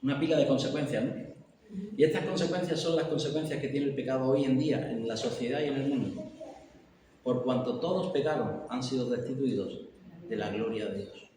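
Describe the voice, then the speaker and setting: A man from teaching a church Bible study, animated, acting out the voices of people he describes. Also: medium pitch, a little fast. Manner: animated, acts out voices of the lost. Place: church hall. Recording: echoey hall from far off, faint hiss.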